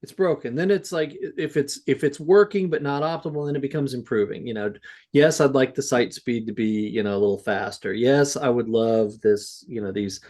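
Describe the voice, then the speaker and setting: A man's voice: medium pitch, moderate pace, darkish tone. A man talking in a casual panel discussion, rambling with fillers and the odd swear word. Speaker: SEO panelist.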